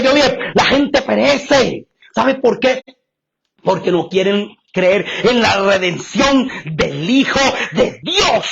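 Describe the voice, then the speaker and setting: A man preaching a fiery evangelical sermon, swinging between low, hushed lines and shouted, crying-out passages with long, drawn-out hallelujahs. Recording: dull lo-fi recording with clear background noise.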